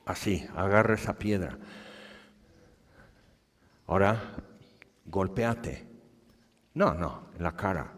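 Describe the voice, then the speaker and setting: A man's voice: deep voice, animated, takes it slowly, pauses often. A man with a Mexican accent preaching a sermon at a convention, animatedly acting out the scenes of the story he tells. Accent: Mexican Spanish. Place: large hall. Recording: long hall reverb.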